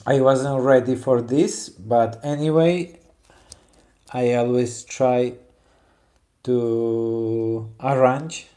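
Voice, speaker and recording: A man from Poland who carves wood talks casually as he works, his medium-pitched voice warm and Polish-accented. He repeatedly halts to hunt for English words.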